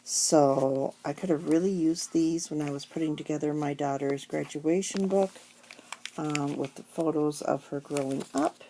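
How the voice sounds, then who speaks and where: Paper rustles and crinkles as a middle-aged crafting vlogger talks casually through her haul, rambling with many ums and caught with the hiccups. Her low, dark voice keeps a steady tone and a measured pace, and the home recording is noisy.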